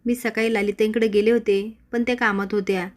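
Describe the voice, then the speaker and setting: A woman voicing a gentle young wife who speaks softly and apologetically. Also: medium pitch, little pitch movement, fairly quick, lightly acted. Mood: apologetic.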